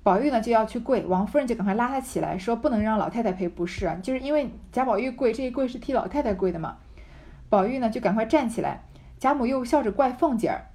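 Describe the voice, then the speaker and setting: A woman's voice: a little high, lively intonation, quick pace, darkish tone. A woman reading a classic novel aloud and explaining it in a casual, chatty way, often correcting herself. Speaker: reader and commentator of a classic novel.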